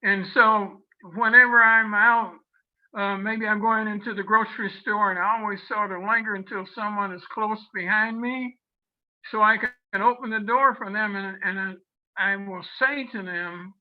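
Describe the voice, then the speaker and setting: A man's voice: high-pitched, fairly even intonation, normal speed. A man in his nineties, a guest on a video call, cheerfully telling a casual story about his daily life. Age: 90s. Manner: chatty, cheerful anecdote-telling. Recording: dull lo-fi video call audio.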